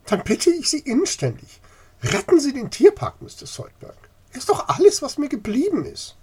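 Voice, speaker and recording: A man's voice: wildly swooping pitch, normal speed, a little mellow, husky, exaggerated voice. A man voicing a flustered elderly woman who owns a zoo, formal and exclaiming. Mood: desperate. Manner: shrill, exclaiming, formally polite.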